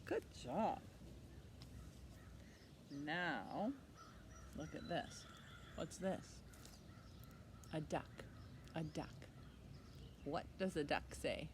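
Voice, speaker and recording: This children's library storytime host has a low voice and talks very slowly, pausing often. In a sing-song style, she poses simple questions to young children and keeps repeating the key words. A steady background noise runs under an otherwise clear recording.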